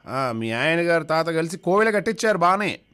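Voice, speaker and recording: A man's voice: on the high side, sing-song, moderate pace, fairly bright tone, smooth. A man hosting a radio show, affirming and encouraging a caller and then telling comic stories. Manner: friendly, affirming. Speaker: radio host. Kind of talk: radio phone-in and comic storytelling.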